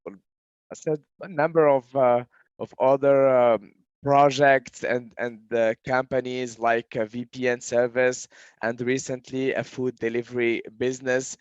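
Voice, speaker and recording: A man's voice: medium pitch, flat delivery, unhurried, smooth, dry recording, lo-fi sound. Hesitant Moroccan-born man in his thirties. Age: 30s. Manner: hesitant, many fillers and restarts. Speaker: guest entrepreneur. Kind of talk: casual interview answers.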